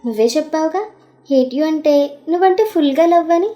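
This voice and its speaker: Brief: a woman playing a pouting young wife near tears, high voice, faint music behind. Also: normal speed, mellow, natural voice. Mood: sulky. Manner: pouting, tearful.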